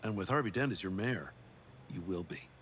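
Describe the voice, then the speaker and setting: Bright-voiced, emphatic campaigning politician. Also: male voice, low voice, lively intonation, a little fast, slight background noise. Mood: rousing. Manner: oratorical, emphatic. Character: proud, ambitious male politician giving campaign speech. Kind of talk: campaign speech.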